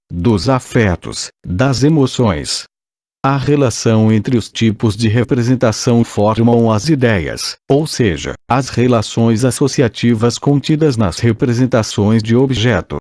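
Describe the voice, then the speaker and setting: A man's voice: medium pitch, a little mellow, no echo. Synthesized male narrator, dry sound. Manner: formal, measured read-aloud delivery. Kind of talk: scripted educational narration.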